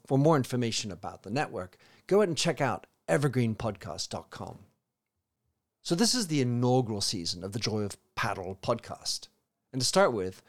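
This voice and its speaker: Chatty male podcast host, medium pitch. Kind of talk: podcast presenting and interviewing.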